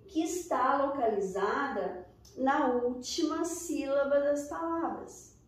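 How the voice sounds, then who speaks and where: A woman teacher explaining a lesson slowly, pointing at examples as she goes. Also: high-pitched. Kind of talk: recorded lesson. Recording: echoey room, voice from far off the mic.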